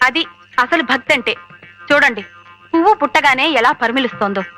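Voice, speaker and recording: A fussy pious housewife. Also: female voice, high-pitched, animated, fairly quick, pushed and bright, faint music behind. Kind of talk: film comedy acting.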